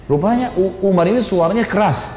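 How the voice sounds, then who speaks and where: A man preaching a sermon, telling a story in an animated, colloquial way with rising emphasis. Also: sits high, a little fast, soft background music. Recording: echoey hall, faint noise.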